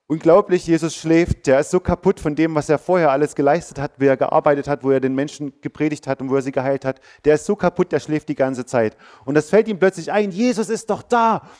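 A man preaching to schoolchildren, telling the story in an animated way, bursting out loud in places and dropping to a soft, quiet voice in others. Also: a little high, brisk, hardly any pauses. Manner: animated storytelling, acting out the disciples with sudden loud outbursts; drops to a soft, quiet voice for reassurance. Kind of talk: lively sermon for schoolchildren.

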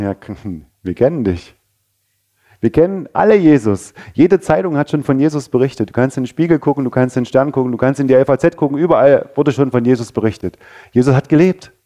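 A male pastor preaches in a conversational way, often asking his listeners questions. His voice is dark and mellow and sits at a middle pitch. He swings between raised, pressing lines and quiet, low ones. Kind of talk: sermon.

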